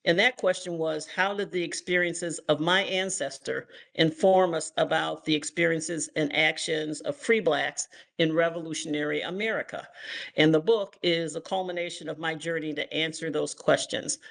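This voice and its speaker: An older woman from Ohio giving an online history lecture as guest author, measured and filled with ums and uhs. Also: low-pitched, steady tone, gravelly, fairly bright tone. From Toledo, Ohio, US. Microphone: video call.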